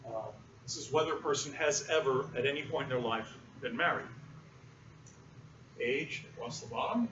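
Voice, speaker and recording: A man's voice: medium pitch, normal speed. Man lecturing from across a roomy classroom. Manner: relaxed, explanatory, thinks aloud with fillers. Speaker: university economics lecturer. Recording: roomy, muffled, distant classroom recording with noise.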